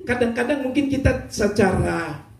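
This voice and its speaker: A man preaching a sermon as a pastor, telling stories with humor and bursts of shouting. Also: very high-pitched, lively intonation, moderate pace, vocal fry, reverberant. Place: church.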